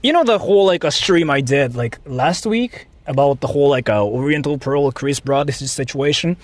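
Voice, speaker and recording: This man from Japan runs a livestream and chats loosely with viewers, looping back over things and cursing occasionally. He sounds animated in a mid-range voice at normal speed, and there is no echo.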